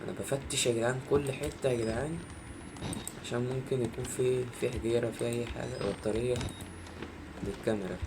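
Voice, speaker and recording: Egyptian male gamer, chatty horror let's-play host, quick delivery, game noise behind him. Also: medium pitch, fairly even intonation, vocal fry. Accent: Egyptian Arabic. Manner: chatty, addresses viewers often. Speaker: gaming video host. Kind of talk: casual horror game commentary.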